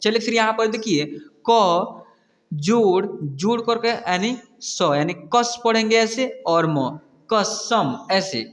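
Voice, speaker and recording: A man teaching Hindi reading, sounding out letters and repeating each word twice in a slow lesson. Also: sits high, animated, a bit bright, big-room sound.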